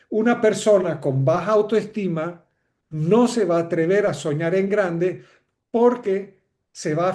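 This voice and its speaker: Speaking conversationally in a voice that sits high and sounds a little mellow, this webinar presenter on educational leadership lectures online about education, frequently asking rhetorical questions and checking that listeners agree.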